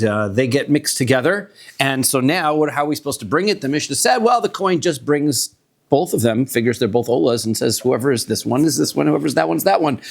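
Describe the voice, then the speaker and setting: A rabbi leading a Talmud study lesson in a conversational, joking manner, often checking in with "right?" as he explains. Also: fairly high pitch. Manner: joking, light-hearted. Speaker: rabbi teaching a Talmud class.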